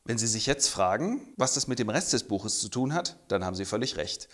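A man retelling a novel as comedy, talking fast and playful. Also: sing-song, fairly bright tone. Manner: fast, playful, switches into squeaky character voices. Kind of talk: comic book recap with puppets and voices.

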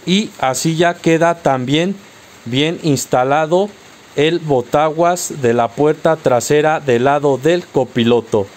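A man's voice: fairly high pitch, slow, a little mellow. A man with a Mexican accent narrating a step-by-step car accessory tutorial, patiently instructing viewers directly. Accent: Mexican Spanish.

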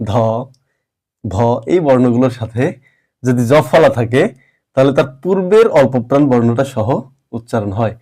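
A man teaching a grammar lesson, explaining rules patiently step by step and repeating words slowly. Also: medium pitch, dark tone.

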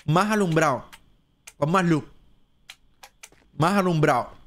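A man with a Cuban Spanish accent, streaming live gameplay and chatting as he thinks aloud, now and then jumping into a squeaky high voice. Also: slow, a bit bright. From Cuba.

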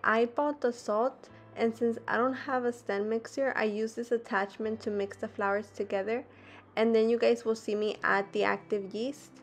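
A woman's voice: a little high, steady tone, normal speed. A young woman vlogger narrating a recipe voice-over, explaining each step plainly. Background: guitar music.

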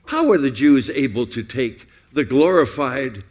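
Husky preacher man with slow, lively delivery. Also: mid-range voice. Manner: rhetorical, repeating questions with rising emphasis. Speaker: pastor. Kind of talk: sermon.

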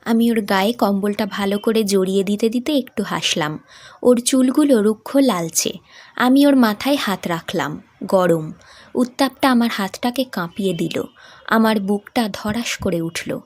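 A woman hosting and narrating a short story in a calm, measured reading. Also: medium pitch. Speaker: storyteller, channel host.

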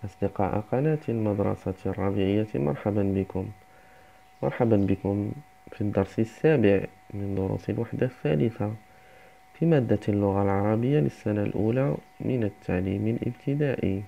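A man teaching a first-grade reading lesson, saying each word slowly and twice for young children. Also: on the low side, vocal fry, slight background noise. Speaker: primary school teacher. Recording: dull lo-fi recording.

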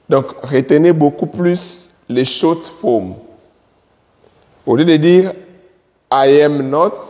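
Slow-talking man teaching at a board. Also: a little high, warm tone, big-room sound. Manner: drills words by repeating them slowly. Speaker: English teacher. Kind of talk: slow classroom explanation at a board.

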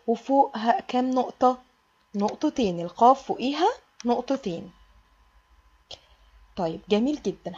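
A woman's voice: fairly high pitch, a little mellow, slightly rough, highs cut off. A woman with an Egyptian Arabic accent, teaching a kindergarten alphabet lesson in a sing-song way and stretching out the letter sounds for small children.

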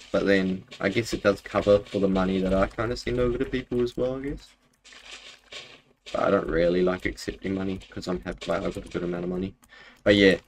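A young man with a broad New Zealand accent chatting casually on a gaming livestream in a laid-back, rambling, slangy way. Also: sits low. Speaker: game streamer. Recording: clear background noise, keyboard and mouse clicks. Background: keyboard typing and clicks.

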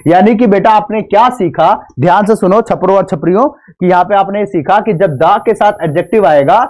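A man's voice: high-pitched, darkish tone. A man teaching English grammar in an online exam-prep class, speaking mixed with English, teasing and playfully scolding his students, repeating rules and asking them to say yes. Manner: repeats points, asks students to answer yes.

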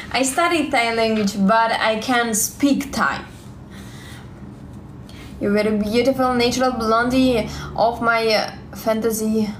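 A young woman in her twenties from Russia, with a Russian accent, chatting on a live stream in halting, simple English full of fillers and repeated words, on a phone held close in a small room. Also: on the high side, reverberant, slight background noise. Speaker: livestream vlogger. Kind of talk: live stream chat, reading comments.

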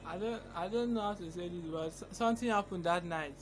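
A man's voice: sits high, fairly quick. A young man making a casual prank call, hesitant and stammering, recorded on a phone camera at arm's length. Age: young adult.

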